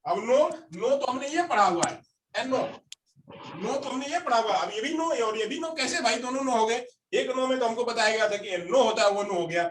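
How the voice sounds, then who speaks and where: High-voiced man lecturing a class. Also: lively intonation, fairly quick, fairly bright tone, slight background noise. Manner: repeats phrases, quizzes the class. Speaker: teacher. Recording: roomy classroom recorded from a distance.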